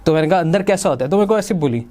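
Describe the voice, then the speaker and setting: Young man, Delhi Hindi accent, podcast host, casual storytelling, slightly high voice, acts out quoted voices. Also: expressive, very fast, darkish tone.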